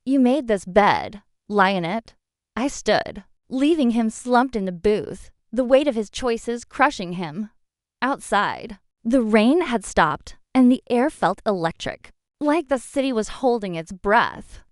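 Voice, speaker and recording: Woman narrator for a dramatic story, fairly high, animated, dry close sound. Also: takes it slowly, no echo.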